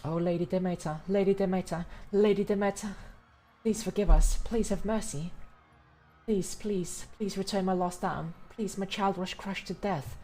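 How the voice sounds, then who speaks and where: A woman's voice: mid-range voice, steady tone, normal speed, dark tone, soft background music, voice pushed up, close to an everyday voice. A woman voicing desperate townspeople who beg a goddess for mercy in a frantic, pleading tone, reading a game's story aloud.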